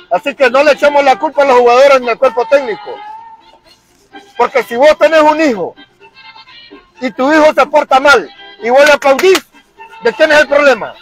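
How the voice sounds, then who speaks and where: Speaking in an extremely high, slightly bright voice over poor audio, a Honduran man vents to camera as a football fan vlogger. He's fired-up and crude, going over the same points again and again in Honduran Spanish-accented speech.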